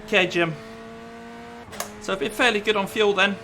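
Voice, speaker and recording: A man with a fairly high voice gives casual, chatty commentary as he races. He thinks aloud about his driving and strategy. Car engine noise is clear behind him. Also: steady tone, moderate pace. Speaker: sim racing driver and commentator. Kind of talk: casual running commentary while racing. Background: racing car engine.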